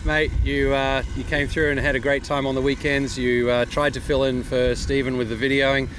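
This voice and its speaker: An Australian man co-hosts casually, with a mid-pitched voice and a matey, effusive manner. He is recorded outdoors, with clear engine and ambient noise behind him. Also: little pitch movement, moderate pace, a bit bright. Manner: informal, matey, effusive thanks. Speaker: podcast co-host. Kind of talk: casual chat. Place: outdoors at an air show. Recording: noisy outdoor site with engine rumble.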